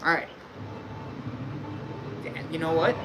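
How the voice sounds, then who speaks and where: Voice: medium pitch, takes it slowly. An easygoing streamer chatting in a dry, matter-of-fact way while playing a game. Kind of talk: casual banter. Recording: noisy stream audio.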